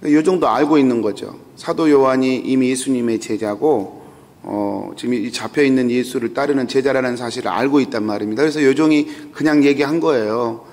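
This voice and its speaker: Long reverb from the church sanctuary colors this dawn sermon, in which the pastor retells the scripture scene step by step and stresses key phrases through repetition. His mid-range voice is brisk and a touch mellow.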